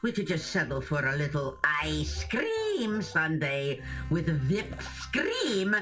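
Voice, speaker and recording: A woman's voice: sits low, wildly swooping pitch, slow pace, a bit bright, heavily acted. A woman voicing a cackling old witch in a video game, gloating and punning with sing-song menace. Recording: game audio with music behind.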